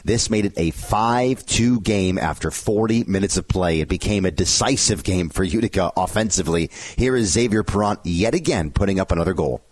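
A male sports show host giving a conversational, somewhat rambling recap of hockey highlights, correcting himself as he goes. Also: a little fast, hardly any pauses, no echo.

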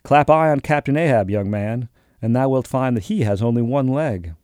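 A male narrator puts on the voice of a gruff old sea captain, louder and higher in pitch than his own reading voice, blustering and suspicious. He fires off question after question in old-fashioned speech with lively intonation at normal speed, lightly acted. The tone is dark and the dry recording sounds close.

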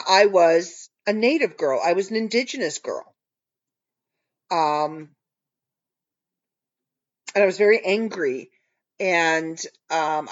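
A woman hosting her own podcast, telling rambling stories in an earnest, casual monologue. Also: fairly low pitch. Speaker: podcast host. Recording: dull lo-fi recording.

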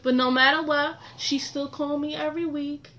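A woman with a high, bright voice telling a family story in relaxed casual chat. Her tone is sharp and lively, and faint background noise sits under her voice. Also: normal speed.

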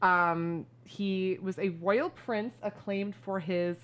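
A woman's voice: mid-range voice, steady tone, slow, a bit bright. A woman co-hosting a podcast, telling a story in frank, joking casual chat. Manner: chatty, frank, joking, many "like" fillers. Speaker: podcast co-host.

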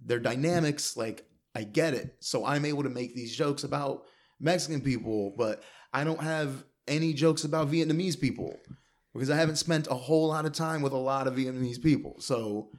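A man, a stand-up comedian, talking in a casual podcast chat in a blunt, profane, animated way. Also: medium pitch, normal speed.

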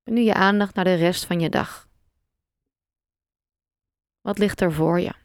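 A woman guides a meditation in a somewhat low voice. She speaks gently and calmly, leaving long pauses between short phrases. The recording is dry and close, with very little room sound. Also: dry recording.

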